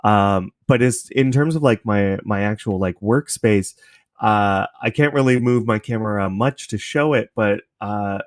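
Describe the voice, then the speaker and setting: A Canadian man, a podcast creator, rambles thoughtfully as a guest in a casual interview from a computer desk in his home basement apartment. His voice is fairly low and moderately paced. The recording is dry and studio quality.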